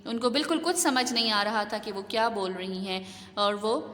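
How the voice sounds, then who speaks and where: A woman's voice: mid-range voice, fairly bright tone. Woman teacher explaining a story, echoey room. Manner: glosses hard words in simple terms.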